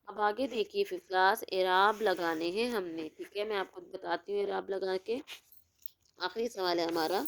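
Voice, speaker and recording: A woman's voice: mid-range voice, gravelly, slight background noise. A woman teacher giving a recorded lesson, asking the class questions and then answering them herself. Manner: stretches out words slowly when spelling. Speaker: school teacher.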